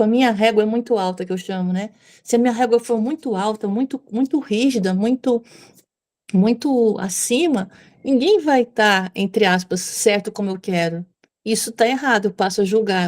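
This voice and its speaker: A Brazilian woman sharing in a Gospel study group. She rambles and circles back, repeats words as she searches for them, and slips into the voices of the people she quotes. Her voice sits at a middle pitch. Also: a little mellow. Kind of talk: casual sharing in a group discussion.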